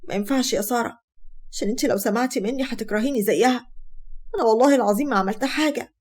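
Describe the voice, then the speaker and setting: A woman's voice: on the high side, racing, darkish tone, close to an everyday voice. A woman with an Egyptian accent voicing a tearful young university student who pleads.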